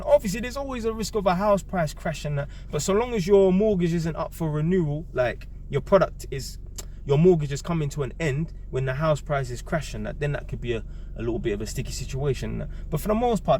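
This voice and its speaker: A man's voice: on the high side, a little mellow, slight background noise. A man, giving a blunt, emphatic monologue to camera, repeating key words and swearing freely. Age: 30s. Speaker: vlogger.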